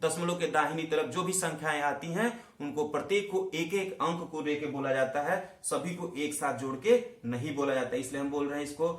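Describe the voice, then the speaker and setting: A man's voice: on the high side, steady tone, a little fast, few pauses. A man from India teaching a math lesson, asking questions and answering them himself, talking straight to his students. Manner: addresses students directly, repeats key terms. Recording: echoey room.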